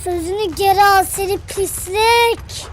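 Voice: very high voice, fairly even intonation, unhurried. A performer voicing a small, gloating, murderous puppet villain in a comedic Turkish cartoon fan dub. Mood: menacing, taunting. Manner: menacing, gloating, taunting. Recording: loud music under the voice.

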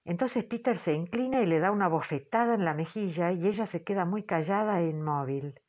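A woman reading an audiobook in a measured, low-key way, on a dull, muffled recording. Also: darkish tone. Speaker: audiobook narrator. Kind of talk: scripted literary narration.

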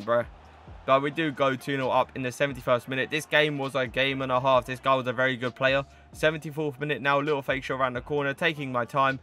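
Bright-voiced young man doing casual gameplay commentary. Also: mid-range voice. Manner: chatty, slangy, repeats stock phrases. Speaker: gaming video host.

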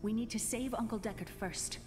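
A woman's voice: fairly high pitch, brisk, close to an everyday voice. Woman acting an earnest young adventurer over music. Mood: troubled, resolute. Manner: earnest, plainspoken. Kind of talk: video game voice acting. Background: game music.

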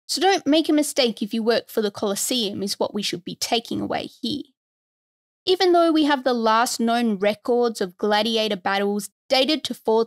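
A woman with a fairly high voice reads a scripted history narration for her podcast. She keeps it conversational and slips in wry asides. The sound is dry and close, with no room around it. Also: no room sound. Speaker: podcast host.

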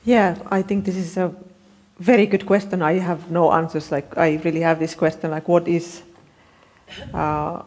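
A woman's voice: fairly low pitch, level tone, moderate pace, a little mellow. A woman from Finland on a panel, answering while searching for words with many fillers. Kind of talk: panel discussion.

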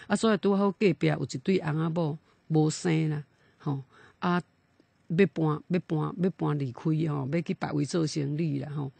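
A man telling a folk tale, animated and emphatic, with frequent drawn-out fillers. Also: on the high side, vocal fry, breathy edge, no echo. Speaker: storyteller.

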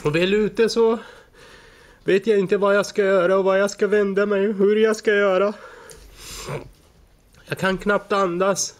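Guy in his 40s testifying in court, high flat voice, keeps tripping over words. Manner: halting, stumbles and restarts words. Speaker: defendant. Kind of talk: court testimony, personal account.

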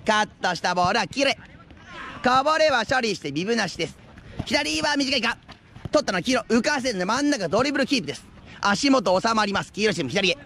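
High-pitched man shouting rising goal commentary. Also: vocal fry. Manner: excited rising goal calls with drawn-out shouts. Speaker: futsal referee and live play-by-play commentator. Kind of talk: live sports commentary. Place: outdoor floodlit futsal pitch at night. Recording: outdoor action camera with ambient noise.

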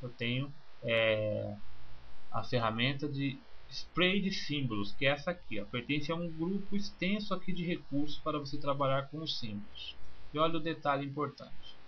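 A man, teaching software in a screencast and calmly walking through each click step by step. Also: mid-range voice, normal speed. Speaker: software instructor. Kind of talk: screencast tutorial. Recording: slightly muffled with faint hiss.

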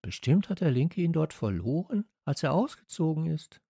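A man voicing a bossy, quick-tempered young girl in a children's audiobook, with a sharp, indignant manner. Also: on the high side, big pitch swings, vocal fry, slightly rough, no room sound, clean studio sound, voice pushed up, exaggerated voice. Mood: chiding.

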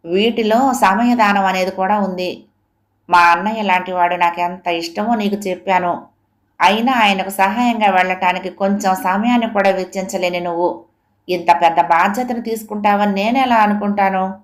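Woman reading as an older mother, soft-spoken yet firm and principled, storybook reading. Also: mid-range voice, normal speed, close to an everyday voice. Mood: reproachful.

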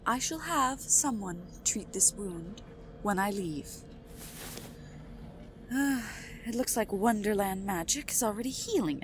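Woman acting as a possessive fantasy queen, slow regal bossy delivery, audio roleplay, some background noise. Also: mid-range voice. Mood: possessive, intrigued. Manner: regal, slow, deliberate commanding speech. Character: possessive, imperious young Queen of Hearts.

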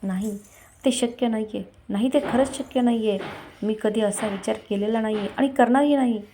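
A woman's voice: a little high, a little fast, warm tone, a little hiss or hum, lightly acted. A woman voicing a devoted, strong-willed wife who talks with emotion and insistence. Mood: firm.

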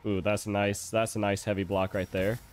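A man's voice: on the low side, flat delivery, fairly quick. A man streaming a game, chatting casually and reacting with little exclamations while he has the hiccups. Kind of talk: casual gameplay commentary. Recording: faint music behind.

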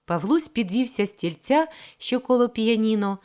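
A woman reading a story aloud in calm, measured, expressive narration. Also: fairly high pitch. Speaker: audiobook reader. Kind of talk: scripted narration.

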